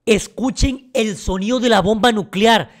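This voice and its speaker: A man giving excited gameplay commentary, with frequent dramatic, startled shouts. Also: high-pitched, a little slow. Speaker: gaming YouTuber.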